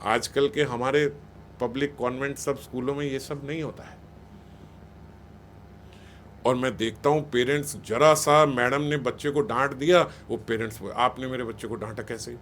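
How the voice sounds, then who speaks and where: A man's voice: mid-range voice, steady tone, moderate pace, long pauses, fairly bright tone, a little hiss or hum. A man giving a spiritual talk on raising children, conversational and scolding, often acting out what parents and teachers say. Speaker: spiritual speaker.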